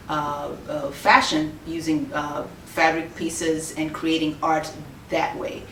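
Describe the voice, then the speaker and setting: Shop owner, lower voice, echoey room, slightly off-mic. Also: female voice, fairly bright tone, distant mic, a little hiss or hum. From Kenya. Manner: measured, with frequent "uh" and "um" pauses. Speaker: boutique owner. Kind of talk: interview answers. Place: her clothing shop.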